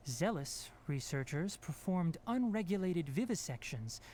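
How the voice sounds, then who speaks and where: Young male forest ranger, earnest, articulate, measured, lightish high voice, video game dialogue, noisy background. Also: very animated, darkish tone. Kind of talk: scripted video game voice acting.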